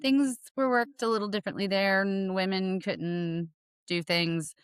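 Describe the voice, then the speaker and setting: A woman's voice: medium pitch, steady tone, measured pace, clean tone, no echo, clean studio sound. A woman co-hosting a podcast in casual chat, rambling and hesitant with many fillers and restarts. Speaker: podcast co-host.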